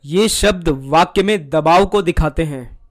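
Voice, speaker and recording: A man narrating a scripted Hindi grammar lesson, listing examples one by one in a measured way. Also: fairly high pitch, dry recording.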